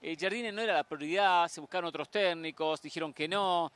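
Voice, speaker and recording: A man's voice: on the high side, fairly quick, a bit bright, clear, resonant tone. A man on a sports talk panel giving talkative analysis of football. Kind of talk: sports talk show discussion.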